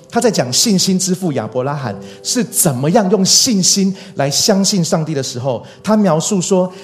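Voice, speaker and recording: A male pastor giving a sermon in an earnest way, repeating key phrases for emphasis. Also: high voice.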